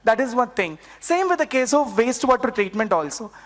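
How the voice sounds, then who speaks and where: A woman's voice: a little high, sing-song, brisk, long reverb tail. A young woman with an Indian accent presents at a conference, her voice affected by a sore, swollen throat. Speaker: PhD researcher presenting a paper.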